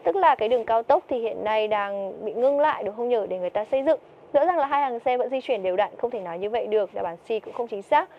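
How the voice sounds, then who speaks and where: A woman's voice: a little high, expressive, fast talker, dull audio, a little hiss or hum. A woman teaching TOEIC vocabulary, who keeps asking her students questions and answering them herself. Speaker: English teacher.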